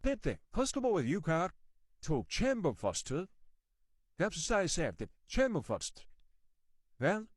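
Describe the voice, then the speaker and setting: High-pitched man calling martial arts drill commands. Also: wildly swooping pitch, takes it slowly, pauses often, husky, dry recording, studio quality. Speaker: taekwondo instructor. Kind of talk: instructional drill counting and commands.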